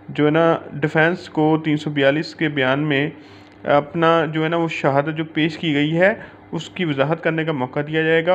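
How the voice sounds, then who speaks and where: A man with a Pakistani accent gives an informal, explanatory law lecture, mixing in English legal terms and frequent filler phrases. His voice is fairly high and fairly bright. The audio is dull and lo-fi, with clear background noise.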